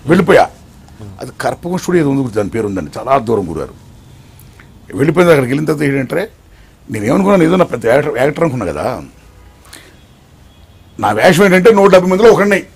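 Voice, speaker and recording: An older man as an interview guest, telling his life story in an animated way, swinging between loud excitement and hushed tones. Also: mid-range voice, fast talker, gravelly, pauses often, slightly rough.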